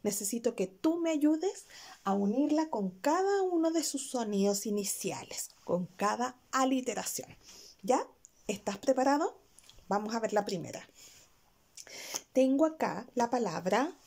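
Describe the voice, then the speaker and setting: A woman's voice: on the high side, big pitch swings, unhurried, a little mellow. A young woman, a kindergarten teacher giving a video lesson to small children, drawing out each syllable and coaxing them with questions.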